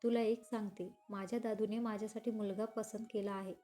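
A woman voicing a proud young woman in a read-aloud romance story, defiant and sharp-tongued. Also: medium pitch, little pitch movement, fairly quick, faint music behind, lightly acted. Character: young woman, sulky, proud, angry at her ex.

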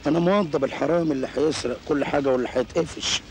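An actor with an Egyptian Arabic accent playing a scheming, boastful crook who talks in a cocky way in an old film. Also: male voice, fairly high pitch, very fast, lightly acted. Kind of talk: 1980s Egyptian film acting. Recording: echoey old film soundtrack with noise.

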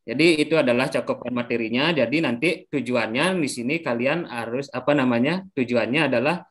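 A man's voice: mid-range voice, fairly quick. A young man with an Indonesian accent teaching a class in an upbeat, coaxing way, often checking in with the pupils.

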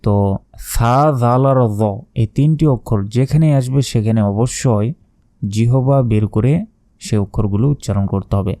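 A man with a Bangladeshi Bengali accent teaching Quran pronunciation, explaining each sound and then slowly drawing out the recited words. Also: mid-range voice, dark tone, no room sound, clean studio sound. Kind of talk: spoken lesson with slow recited phrases.

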